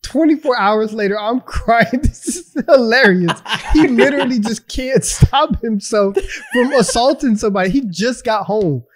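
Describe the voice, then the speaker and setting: A man co-hosting a casual sports podcast, animated and laughing often as he talks. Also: very high voice, normal speed, hardly any pauses. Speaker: podcast co-host.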